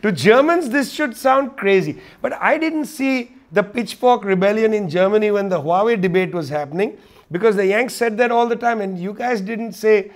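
High-pitched, emphatic male guest. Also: moderate pace. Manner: emphatic, repeats key points; wry, sarcastic asides. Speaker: interview guest. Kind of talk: political discussion.

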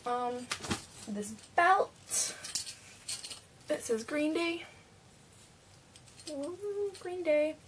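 A woman's voice: high voice, lively intonation, extremely slow, long pauses. A young woman from Canada talking casually in a haul video, chatty and rambling with lots of fillers, in a small bedroom. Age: young adult. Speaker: vlogger. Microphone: webcam at desk distance. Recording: webcam mic from a distance, faint hiss.

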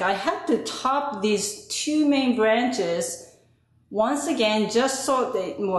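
A woman host casually narrating a home gardening video in a conversational, hesitant way, in a very echoey room. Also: mid-range voice. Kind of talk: casual narration of a plant update. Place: echoey indoor room with bare walls.

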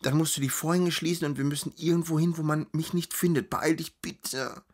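A man voicing a serious young noble girl on the run in a storybook reading, urgent and hushed. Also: on the high side, steady tone, fairly quick, pitched above the performer's own voice, lightly acted.

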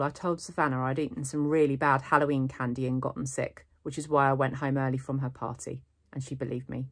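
A woman with an English accent, a primary school teacher reading a children's novel aloud in the first person. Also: a bass voice. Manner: first-person storytelling, steady and lively.

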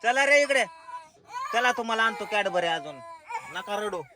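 A man's voice: high-pitched, lively intonation, a little slow, very noisy. A man making a casual family vlog, talking to viewers and coaxing and scolding small children as he films. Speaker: vlogger.

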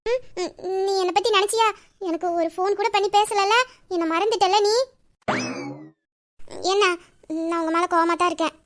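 A very high, sweet-voiced young wife in an audio drama, acted by a woman. She pouts and sulks, then soothes her husband in a gentle, devoted manner. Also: fairly even intonation, moderate pace, pauses often. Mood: sulky.

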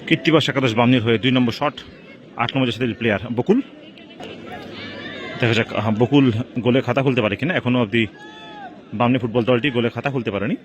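A man giving live, excited play-by-play football commentary at an outdoor match. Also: mid-range voice, fast talker, long pauses, highs cut off. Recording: crowd and outdoor noise behind. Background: outdoor crowd at a local football match.

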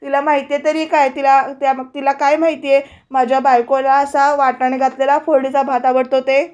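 A woman's voice: sits high, little pitch movement, fairly quick, darkish tone, lo-fi sound, close to an everyday voice. A woman narrator voicing a loving, playful retired father in a TV serial recap.

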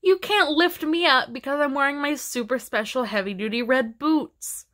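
A woman voicing a bossy, excitable little girl in a storybook read-aloud. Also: high voice, normal speed. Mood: gloating.

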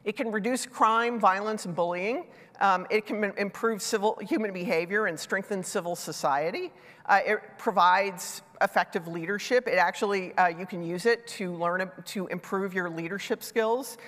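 Speaking on stage through a headset mic, this middle-aged conference speaker is a little congested from a sinus infection and adds self-deprecating asides to her conversational talk. Her voice is medium-pitched, fairly bright, at normal speed, echoing in a large, dark, reverberant hall.

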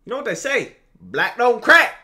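A man's voice: very high voice, very animated, moderate pace, sharp tone. A man in his twenties giving casual live reaction commentary from his bedroom on a headset mic, talking in loose slang with plenty of swearing. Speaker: streamer reacting to a video.

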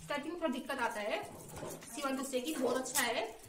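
A young woman in a casual snack-tasting vlog, talking while chewing in a relaxed, chatty way. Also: high voice, fast. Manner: relaxed, chatty, mixes in English words. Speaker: vlogger taste-testing snacks. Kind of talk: casual chat. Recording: roomy, distant from the mic.

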